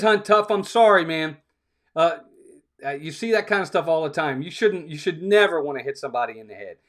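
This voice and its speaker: A man running a live fan stream, mixing play-by-play calls with blunt replies to his chat. His voice sits a bit high and moves widely in pitch. He talks directly to viewers and repeats key phrases for emphasis. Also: fairly bright tone. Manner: talks straight to viewers, scolds trolls, repeats himself for emphasis.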